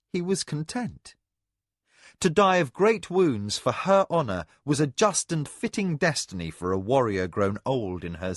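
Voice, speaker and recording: A man narrating a fantasy audiobook in an expressive storytelling manner. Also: medium pitch, dry recording, studio quality. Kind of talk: scripted narration.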